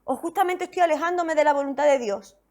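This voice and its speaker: Woman pastor, Spain Spanish accent, high voice, expressive sermon. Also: fast. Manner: expressive scripture reading, rhetorical questions to the congregation.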